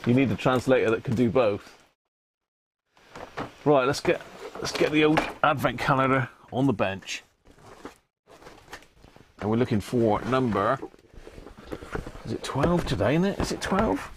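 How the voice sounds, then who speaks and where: A British livestream host chats casually and colloquially with live viewers, rambling as he thinks aloud. His medium-pitched voice has lively intonation and a measured pace with long pauses, and background noise can be heard.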